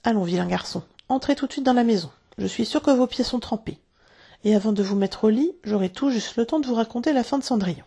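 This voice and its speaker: A woman voicing an earnest, motherly little girl in a storybook reading, her voice raised and gently fussing. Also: on the high side, fast, creaky, husky.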